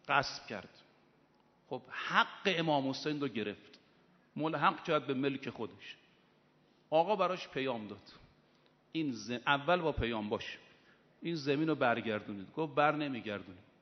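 A man preaching a sermon in an emphatic, animated storytelling manner. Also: mid-range voice. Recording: muffled, with long hall reverb.

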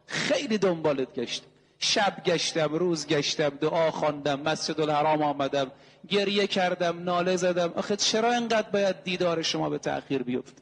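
A man preaching a sermon, driving his points home with rhetorical questions and repeated, emphatic lists. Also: fairly high pitch. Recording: long hall reverb.

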